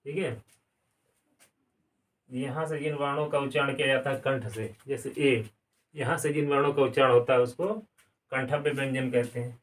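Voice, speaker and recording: A man's voice: medium pitch, fairly even intonation, normal speed, long pauses. A male grammar teacher giving a classroom lesson, asking questions and answering them himself, repeating key words. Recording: distant mic, some room sound.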